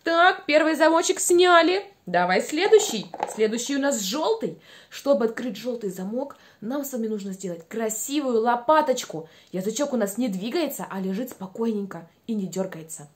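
A young woman teaching small children speech exercises in a playful, encouraging, animated way, enunciating every word with exaggerated care. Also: on the high side, normal speed. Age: young adult. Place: small room at home by a window.

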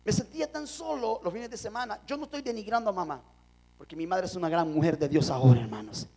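Male preacher from El Salvador, very high voice, impassioned testimony sermon to a congregation. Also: fast, darkish tone. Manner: impassioned, addresses congregation as brothers.

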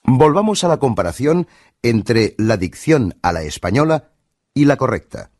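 Course narrator, man, Spain Spanish accent, measured teaching read, slightly husky, close and dry. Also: mid-range voice, very animated, a little mellow, no echo. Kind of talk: scripted instructional narration.

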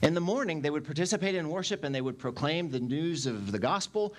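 A pastor in his forties delivers a sermon in a church sanctuary through a headset mic. His voice sits on the high side and he talks fast, animated and gesturing as he preaches.

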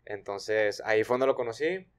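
A man's voice: medium pitch, moderate pace. A young man hosting a casual podcast chat, slangy and full of restarts, at a desk mic in a small studio. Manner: relaxed slangy questioning with many restarts. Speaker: podcast host. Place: small studio with blue wall.

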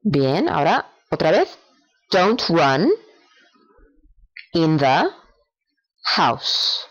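A woman from teaching English phrases to parents, with slow, exaggerated English models between quick instructions. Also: low-pitched, poor audio. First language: Spanish. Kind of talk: bilingual language lesson.

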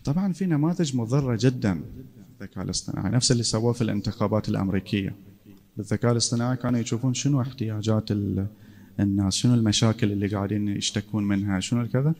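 A man lectures in a relaxed classroom way. His voice sits a little low. He talks conversationally and keeps checking that his listeners are following. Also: rapid-fire.

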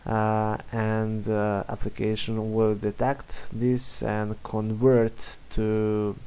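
Walking through a demo he recorded on screen, a young developer from Serbia speaks English with a Serbian accent, stumbling through fillers and restarts. The voice is lowish, smooth and monotone.

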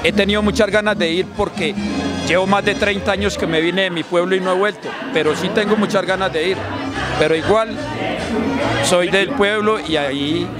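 A singer-songwriter from Antioquia, Colombia, speaks Antioquian Colombian Spanish in a high voice at normal speed, earnest and chatty with frequent restarts. It's a casual interview outdoors at a busy urban gathering. The interviewer holds a handheld mic, and crowd chatter and loud music fill the background.

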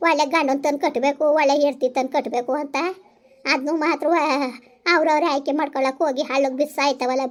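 A woman's voice: high-pitched, natural voice. A woman playing a grieving village mother who wails and curses fate over her daughter in a village comedy skit. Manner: wailing, lamenting, cursing fate.

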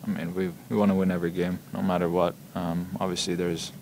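Speaking into table mics in a press room with a logo backdrop, a young hockey player handles postgame questions haltingly, with lots of ums and repeated words. His voice is low, gravelly, and a little mellow, his delivery flat, and a little hiss or hum runs underneath.

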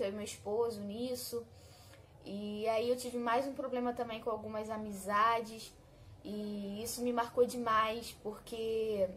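A woman's voice: a little high, a little hiss or hum. Heartfelt Brazilian woman telling her testimony. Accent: Brazilian Portuguese. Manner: heartfelt, conversational, often addresses listeners directly. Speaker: channel host sharing a testimony. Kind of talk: personal faith testimony told to viewers.

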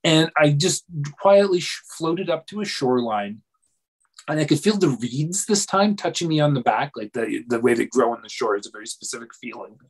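A man, a dreamwork coach, telling a long personal story in a relaxed interview, with many pauses, restarts and fillers. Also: on the high side, husky. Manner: hesitant, many restarts and fillers, self-deprecating.

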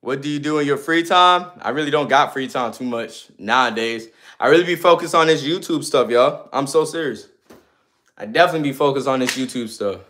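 A man's voice: medium pitch, brisk, a bit bright. A man in his twenties livestreaming, reading viewer comments aloud and answering them in loose, slangy, sometimes ranting casual chat. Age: 20s.

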